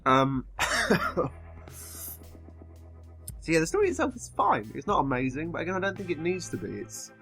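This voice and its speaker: A man with an English accent giving a casual film review, rambling and halting as if he has been drinking. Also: on the high side, wildly swooping pitch, pushed and bright, faint music behind. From England.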